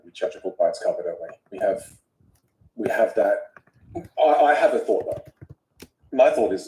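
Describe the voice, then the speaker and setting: A man with an Australian accent, a guest speech coach whose first language is Vietnamese, talking in an animated, emphatic way. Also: fairly low pitch, a little hiss or hum. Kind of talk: casual conversation. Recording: roomy echo.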